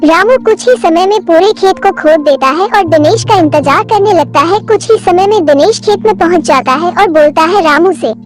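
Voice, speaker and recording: A woman's voice: very high voice, moderate pace, few pauses, over music. A woman reading scripted narration for a cartoon story.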